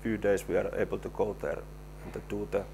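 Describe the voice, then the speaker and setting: A man giving a technical conference presentation, halting and repeating words as he explains his slides. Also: fairly low pitch, level tone, gravelly, darkish tone, a little hiss or hum. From Finland. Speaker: presenter, stabilization engineer.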